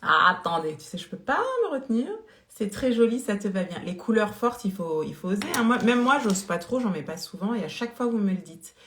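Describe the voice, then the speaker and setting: A woman chats her way through a live product demo, with plenty of hesitations and restarts as she greets viewers by name. Her voice sits at a middle pitch. The room around her is noticeably echoey. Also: expressive, brisk, fairly bright tone. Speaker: beauty live-stream seller. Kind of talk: casual live-stream demo. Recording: roomy echo.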